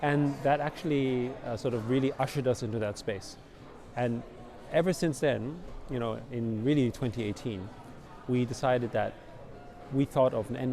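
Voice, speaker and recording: A middle-aged man from Austria, a company founder, answering interview questions in a relaxed, rambling way full of fillers. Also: medium pitch. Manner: relaxed, rambling, many fillers like "you know" and "basically". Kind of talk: conversational interview. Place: outdoors at a busy conference venue. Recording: crowd chatter behind. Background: crowd noise.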